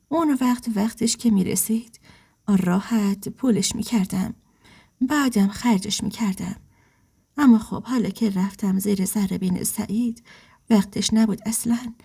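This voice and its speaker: Breathy, whispery woman storyteller. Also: medium pitch. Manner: hushed, half-whispered and emotional. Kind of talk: first-person story narration.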